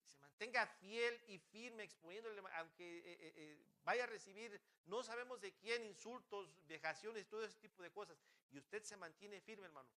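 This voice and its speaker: A man's voice: high-pitched, moderate pace, hardly any pauses, sharp tone. A man preaching a sermon as pastor. He talks fervently, asks the congregation many rhetorical questions and often restarts his phrases. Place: church.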